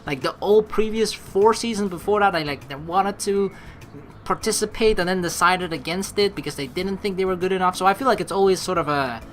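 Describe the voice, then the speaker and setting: Talking fairly quickly in a fairly low voice, a young woman rambles through a let's play, chatting about the game and reading its dialogue aloud. Her speech is conversational and full of "you know," and the recording carries a slight hiss or hum.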